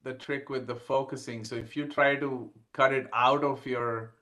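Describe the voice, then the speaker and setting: A man organizing a live-streamed panel on a video call, helpful and a little halting as he explains. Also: mid-range voice, fairly even intonation, bright, forceful tone. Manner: helpful, slightly halting with restarts. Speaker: event organizer. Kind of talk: casual video-call chat. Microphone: computer mic on a video call.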